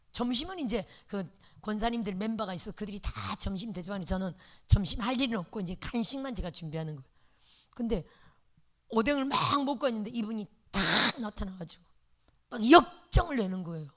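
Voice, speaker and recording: A middle-aged woman pastor preaching a sermon, telling a lively story and asking the congregation questions. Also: on the high side.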